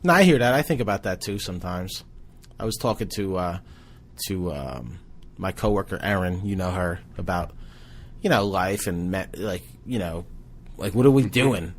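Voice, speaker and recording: Reflective, halting man in his forties. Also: low voice, lively intonation, a little hiss or hum. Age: 40s. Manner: reflective, halting, with many fillers. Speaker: podcast co-host. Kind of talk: casual chat.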